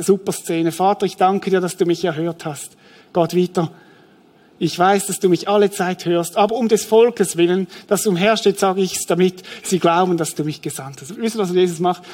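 A middle-aged man preaching a sermon, telling the story vividly and acting out the scene. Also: sits high. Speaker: pastor.

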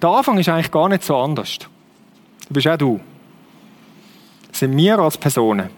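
A man's voice: on the high side, sing-song, normal speed. A man with a Swiss German accent preaching a conversational sermon in a church hall, often asking the listeners rhetorical questions. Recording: long hall reverb.

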